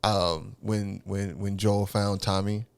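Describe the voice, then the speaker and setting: A middle-aged man co-hosts a relaxed chat at home and often repeats words as he hunts for them. He is from the Chicago area. His voice is low and smooth, and the recording is dry. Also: slow pace, dry recording. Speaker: co-host. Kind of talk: casual chat.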